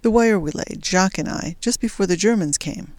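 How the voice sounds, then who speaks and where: A reader voicing a young male Belgian resistance fighter, brisk and determined, in an audiobook story. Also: mid-range voice, darkish tone, no room sound, close to an everyday voice. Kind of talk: audiobook character voice.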